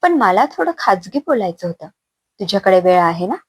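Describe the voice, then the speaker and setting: A woman's voice: medium pitch, sing-song, moderate pace, breathy edge, no room sound. A woman voicing a pushy, threatening young man. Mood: menacing. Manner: threatening, coaxing. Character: young male brother-in-law, menacing and pushy.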